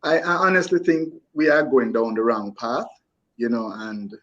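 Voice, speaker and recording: A man's voice: mid-range voice, expressive, moderate pace, fairly bright tone. A man calls in to a radio talk show with a dull, fuzz-distorted phone line crackling over his voice. He pushes his point firmly and trips into repeated restarts as he goes. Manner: emphatic, stumbling restarts. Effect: fuzzy distorted phone line. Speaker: call-in guest. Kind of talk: opinionated radio call-in.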